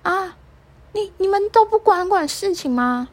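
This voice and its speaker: A woman voicing a distraught mother swallow in a children's story, high and pleading. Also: expressive, a little slow, no room sound.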